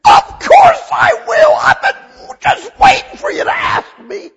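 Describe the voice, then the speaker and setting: A preacher doing God, overjoyed and exclaiming. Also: male voice, very high voice, big pitch swings, slow, fairly bright tone, shouting, pitched above the performer's own voice, exaggerated voice. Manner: exclaiming, eager. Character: God, an overjoyed, tender fatherly man.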